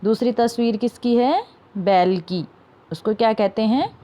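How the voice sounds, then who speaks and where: Young woman teacher going slow, dark mellow voice, sounds out words one by one for kids. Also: a little high. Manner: slow, careful word-by-word pronunciation drills; asks questions and answers them herself. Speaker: Sanskrit teacher. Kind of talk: classroom lesson for children.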